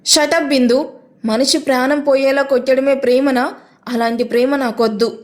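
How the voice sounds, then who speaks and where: A woman's voice: high-pitched, fairly even intonation, moderate pace, lightly acted. A woman reading an audio story, voicing a distraught young woman who speaks in an anguished, indignant way.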